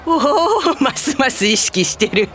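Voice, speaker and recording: An actress plays a brash woman in her forties with a thick Osaka accent, the kind who fires back blunt retorts without pausing. Her voice sits high and swings widely up and down. It suits a comic radio drama. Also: sing-song, a bit bright, some chatter behind, slight background noise, full character voice. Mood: teasing. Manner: blunt, quick comebacks. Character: brash Osaka woman, office worker, stubborn.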